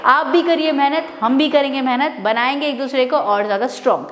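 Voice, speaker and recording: Indian woman tutor, bilingual explainer with fillers, high pitch, roomy sound. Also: fairly quick, a bit bright. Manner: switches between Hindi and English, explains patiently with many fillers. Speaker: English teacher. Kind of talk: vlog-style pronunciation lesson. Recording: echoey room with long reverb.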